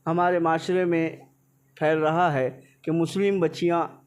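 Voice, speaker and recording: Man, interviewer, high voice, brief agreeing replies. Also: little pitch movement, a little slow, smooth. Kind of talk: casual interview talk.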